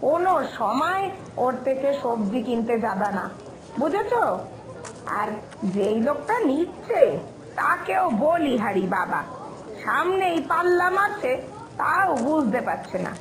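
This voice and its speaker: Woman voicing a loud, blunt old mother-in-law. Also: high-pitched, sing-song, a little slow, a crowd in the background. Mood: gossipy. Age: older. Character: loud, blunt older village mother-in-law who gossips. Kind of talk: Bengali cartoon voice acting.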